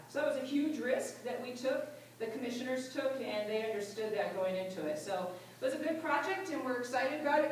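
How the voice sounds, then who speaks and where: A woman talks fast at a conference, piling up clauses and fillers as she rushes along. Her fairly high voice carries from a distance through a very echoey hall with faint room noise. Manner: fast, rambling delivery with fillers. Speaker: regional development commission presenter. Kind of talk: conference presentation.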